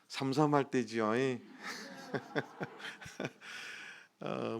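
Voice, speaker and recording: A middle-aged man preaching a sermon in a church, telling a personal story in a lively way and acting out the voices in it. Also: mid-range voice. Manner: animated storytelling, acts out quoted voices. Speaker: pastor. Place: church sanctuary.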